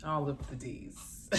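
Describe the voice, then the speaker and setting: A woman's voice: sits low, background noise. A young woman from Texas, chatting playfully and animatedly in a casual vlog. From Dallas, Texas, USA. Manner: playful and animated, slips into quoted voices and laughs. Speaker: vlogger.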